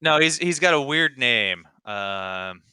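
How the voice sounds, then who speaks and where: A man's voice: medium pitch, lively intonation, slow pace, sharp tone, smooth. A young man co-hosting a gaming podcast in casual chat, rambling and fumbling for names. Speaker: podcast co-host.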